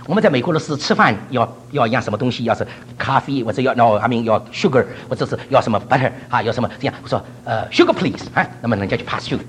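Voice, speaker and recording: A man's voice: medium pitch, lively intonation, quick pace, hardly any pauses, a little hiss or hum. An older man from China preaching a sermon, laughing often and mixing English words into his talk.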